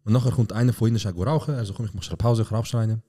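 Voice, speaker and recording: A man with a Swiss German accent trades slangy jokes on a casual podcast. His voice is low and dark, and he talks at a fast clip. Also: steady tone. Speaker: podcast co-host. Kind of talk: casual chat.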